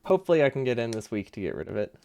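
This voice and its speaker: A man chats casually while gaming on a livestream, his medium-pitched voice gravelly and dark in tone, very animated and racing. He's easygoing and rambles as he thinks aloud, with a loose dental retainer slightly impeding his speech.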